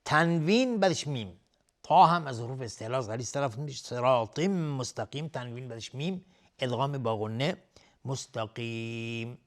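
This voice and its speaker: A middle-aged man teaching Quran recitation on television, explaining each rule step by step and reciting verses in a slow, drawn-out chant. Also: mid-range voice, lively intonation, a bit bright. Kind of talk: tajweed lesson for television.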